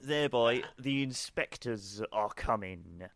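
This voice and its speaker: A man with a bright, crisp voice recorded dry and close. He plays a fussy space-station manager in a tabletop game, rambling and breaking into laughter mid-sentence. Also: mid-range voice, animated, slow, dry recording. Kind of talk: in-character role-play as a station manager.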